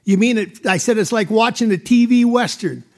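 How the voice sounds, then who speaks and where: A man's voice: high voice, normal speed, a little mellow. A middle-aged man from North Dakota, giving emotional, plain-spoken testimony as a landowner at a public hearing.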